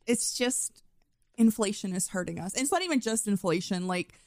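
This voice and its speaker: Woman, Canadian accent, animated casual chat, close dry mic. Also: mid-range voice, moderate pace, dry recording. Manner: animated and opinionated, laughs easily. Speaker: podcast co-host.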